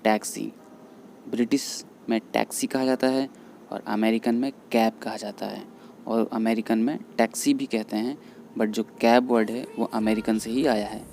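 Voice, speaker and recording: A man explaining English vocabulary in Hindi, patiently repeating each word slowly. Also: lowish voice, steady tone, vocal fry, a little mellow, slight background noise. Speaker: English teacher. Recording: faint background music under voice. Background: faint background music.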